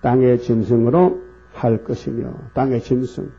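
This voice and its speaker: Gravelly heated style preacher man. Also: medium pitch, little pitch movement, measured pace. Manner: heated, acts out quoted voices, rises to shouts. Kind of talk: sermon. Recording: lo-fi with gravelly creak and mains hum.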